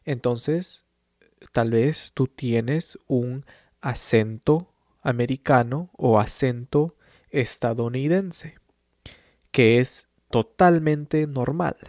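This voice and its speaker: A language teacher from Peru talks through a lesson in a measured, unrushed monologue, pausing after each phrase. Calm and reassuring at a medium pitch, he sometimes echoes a point in English. Nothing of the room can be heard in this dry, close recording.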